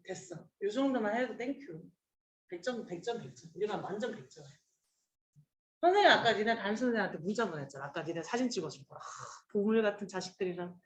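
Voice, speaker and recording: A woman's voice: medium pitch, expressive, quick pace, roomy sound, a crowd in the background. A woman teacher giving a casual Chinese pronunciation lesson, chatty and coaxing, drilling sounds aloud with her students.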